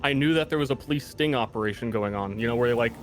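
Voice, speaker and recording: Male gaming co-streamer, mid-pitched, casual halting storyteller, light music underneath.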